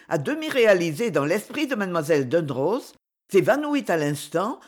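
A woman reads a classic novel aloud with clear, expressive narration. Her pitch sits mid-range and moves in a lively, animated way. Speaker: audiobook reader. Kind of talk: literary audiobook narration.

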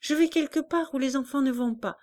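A woman voicing a hurried young mother who scolds her child sharply, in a storybook reading. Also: high-pitched, darkish tone, pitched above the performer's own voice, natural voice. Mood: firm. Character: harried young mother, impatient and stern.

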